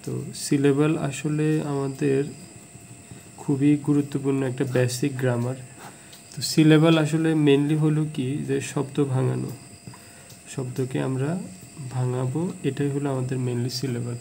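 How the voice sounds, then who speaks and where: A man gives a casual video lesson on English, saying each example word slowly and more than once. His voice is gravelly and fairly flat in pitch. A faint hiss of noise sits under the recording. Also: rough recording. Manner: plain, repeats example words slowly. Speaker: English teacher.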